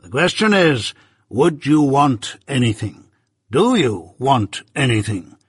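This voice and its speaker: A man playing a stern, imperious middle-aged London lawyer who speaks slowly and with command. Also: medium pitch, big pitch swings, breathy edge, no echo, clean studio sound, full character voice. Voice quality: slow, measured, commanding.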